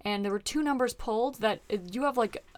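A woman's voice: a little high, fast talker. A woman comedian hosting a casual chat show, talking in a slangy, exclamatory way with plenty of swearing. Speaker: podcast host, comedian.

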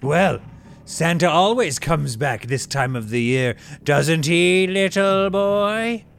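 A man playing a crazed, jolly yet menacing mall Santa in a comedy sketch, booming and theatrical. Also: expressive, takes it slowly, gravelly, fairly bright tone, soft background music, heavily acted. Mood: sly. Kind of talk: comedic sketch acting over music.

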